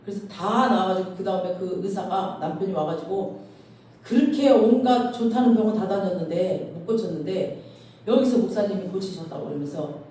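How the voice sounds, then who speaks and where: A woman pastor preaching in her church, spinning a story and acting out its voices with chatty asides. Her tone is dark and mellow. The sound booms around a very reverberant hall, caught from far away. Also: fairly quick. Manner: storytelling, acts out quoted voices, informal asides. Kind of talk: sermon. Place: church sanctuary. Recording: very echoey hall, far from mic.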